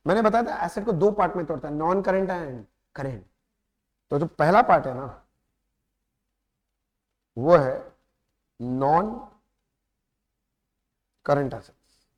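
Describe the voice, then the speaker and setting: A man with an Indian accent lectures a class on accounting, firing quick check-in questions at his students and slowing right down to stretch out key terms. His voice sits fairly high for a man. The classroom leaves a long, ringing reverb behind every line. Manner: talks straight to students, quizzing them with quick questions; lapses into slow, drawn-out words when stressing terms. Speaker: accounting teacher.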